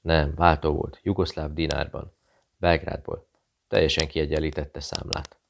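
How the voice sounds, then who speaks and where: A man puts on a frightened barkeeper in an audiobook, a Serbian man who speaks in short broken phrases. He keeps his voice hushed and guarded. The voice sits very low with a gravelly edge. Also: level tone, slight background noise. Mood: fearful. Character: Serbian male barkeeper, nervous, secretive, broken speech.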